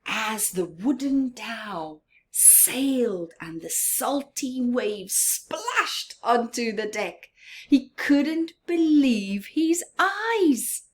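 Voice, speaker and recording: A fairly high-pitched, very animated woman reads a picture book to children. She plays up the drama, stretches her words, and breaks off into hushed, talkative asides.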